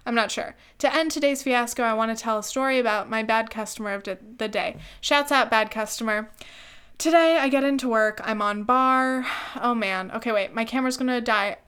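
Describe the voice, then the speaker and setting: A woman's voice: a little high, a little fast, fairly bright tone, clear, resonant tone. A young woman hosting her own podcast, telling casual stories with frequent laughs and casual swearing. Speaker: podcast host; barista. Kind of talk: casual solo storytelling. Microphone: camera mic.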